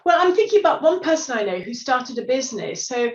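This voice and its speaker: A woman in her sixties, a guest billed as an unretirement expert, talks in a high, sing-song voice at a quick pace. Her casual, encouraging chat is dotted with "you know" and "sort of", and the sound is roomy, distant and dull.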